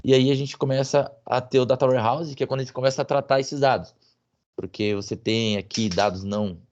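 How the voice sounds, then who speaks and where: Speaking a little fast in a slightly mellow mid-range voice with fairly even intonation, a man guest-lectures on business intelligence via video call, hesitant and full of fillers and tag questions. The audio is muffled and lo-fi, with a little hiss or hum.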